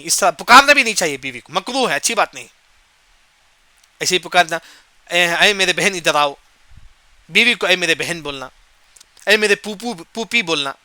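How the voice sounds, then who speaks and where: A man's voice: high voice, bright, forceful tone, clean tone, no room sound. A man giving a Quran commentary lesson. He asks and answers his own questions, repeats key points, and recites short Arabic verse phrases before explaining them. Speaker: Quran teacher.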